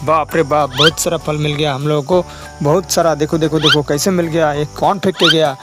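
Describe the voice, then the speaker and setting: A man hosting a kids' toy video, narrating with excitement and repeating his exclamations over and over. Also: fairly high pitch, a little fast. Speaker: host narrating toy play for kids. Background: background music.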